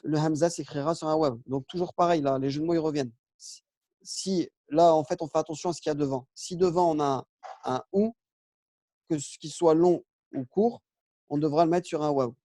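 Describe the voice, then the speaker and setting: A man teaching a relaxed lesson, patient and step by step, with frequent fillers and self-corrections. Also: fairly high pitch, dry recording, clean studio sound. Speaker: Arabic teacher. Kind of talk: casual lesson on Arabic spelling.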